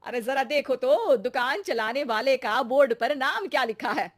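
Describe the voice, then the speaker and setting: A woman voicing an older mother-in-law in a cartoon moral story, who speaks loudly in brisk questions. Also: high-pitched, voice pushed up. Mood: knowing. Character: older mother-in-law, sharp-eyed and blunt.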